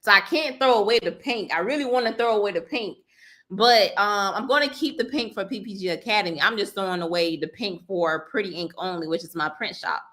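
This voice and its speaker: A woman's voice: medium pitch, brisk, pushed and bright. A woman hosting a live online workshop, chatting casually with viewers, laughing easily and talking through her steps with lots of fillers. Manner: chatty, frequent fillers and restarts, addresses viewers directly. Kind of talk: casual live-stream teaching.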